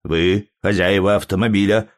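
A man's voice: low-pitched, fairly even intonation, moderate pace, close to an everyday voice. Man doing a huge, blustering cop. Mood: angry. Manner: blustering, scolding. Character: huge gruff male policeman, bellowing.

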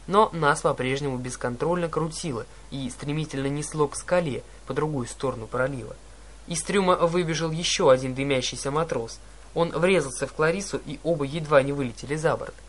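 A man reading a first-person adventure story aloud, with dramatic, animated narration. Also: a little high, fairly quick. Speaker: audiobook narrator.

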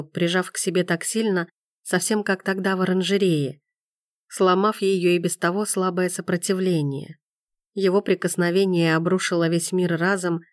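Woman reading a romance audiobook, lowish voice, dry close mic, measured. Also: no room sound. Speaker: audiobook narrator. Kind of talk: scripted romance narration.

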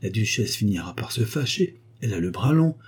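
A man's voice: fairly low pitch, animated, fairly quick, husky, exaggerated voice. A man voicing a capricious young actress in an audiobook, speaking in a coaxing, questioning way. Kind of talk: audiobook character voice.

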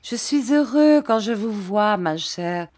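A woman doing a gentle, devoted young man. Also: medium pitch, lively intonation, slow, pitched above the performer's own voice. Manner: soft and soothing.

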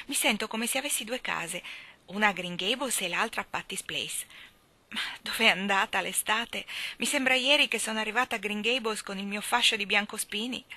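A woman reads a dreamy, imaginative young woman from a storybook. The voice is bright and earnest, with a wistful, musing manner. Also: mid-range voice.

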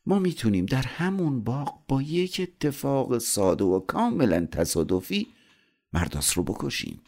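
A scheming devil tempter, smooth and wheedling, pitched well above a gravelly low storyteller's voice, as a man puts him on. Its melody swoops up and down as it coaxes and flatters. It is the voice of a storybook schemer. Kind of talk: audiobook storytelling.

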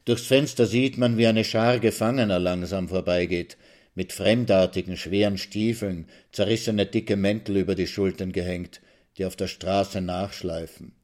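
Low-voiced man reading a story. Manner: calm, measured storytelling. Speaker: narrator. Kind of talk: literary reading of a short story.

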